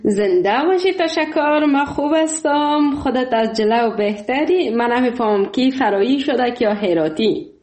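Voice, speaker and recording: A woman hosting a call-in show, polite, thanking often and pausing with fillers. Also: fairly high pitch, lively intonation, a little mellow, roomy sound. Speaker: radio show host.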